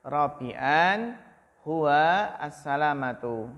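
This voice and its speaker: A man with an Indonesian accent teaching Arabic grammar to a class. He draws out Arabic phrases slowly, then fires quick questions at students by name. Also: fairly high pitch, expressive, fairly bright tone, big-room sound, muffled recording. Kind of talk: classroom lesson, calling on students.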